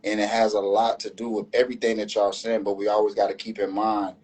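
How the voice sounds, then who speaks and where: A man's voice: on the low side, little pitch movement, fast, a little mellow, husky, rough recording. A man speaking earnestly as a panel guest in a live online discussion, repeating and restarting phrases as he builds his point.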